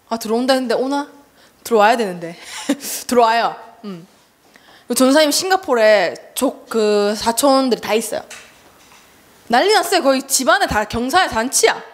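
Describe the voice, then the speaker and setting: Lively young woman preaching to children. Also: a little high. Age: young adult. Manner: chatty and animated, acts out relatives' voices with laughter. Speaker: junior evangelist preaching to a children's service. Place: church hall.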